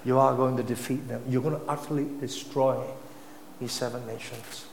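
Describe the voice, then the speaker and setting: A man's voice: mid-range voice, steady tone, normal speed, vocal fry, slight background noise. Emphatic preacher man in echoey hall. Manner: emphatic, swings between loud and soft. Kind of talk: sermon. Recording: echoey hall, faint ambience.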